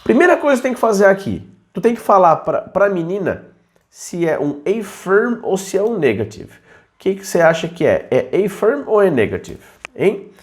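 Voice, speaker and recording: A man teaching aviation English in a chatty video lesson, reading English examples slowly. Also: sits high, big pitch swings.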